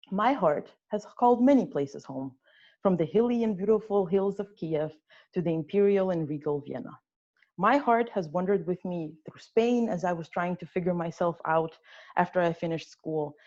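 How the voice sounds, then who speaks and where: A woman in her twenties, with a lowish, darkish voice, gives a prepared personal speech at a club meeting, telling her story earnestly with touches of dry humor. She was born in the United States and grew up in Ukraine, Austria and Russia. The recording sounds dull and lo-fi.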